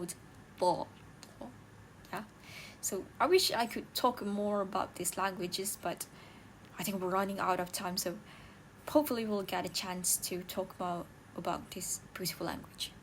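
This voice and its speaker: Young woman student, casual explainer, mid-pitched voice, faint background hiss. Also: fairly even intonation, moderate pace, poor audio. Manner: casual, explains with many "like" fillers. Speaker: student presenter. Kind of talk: recorded class presentation.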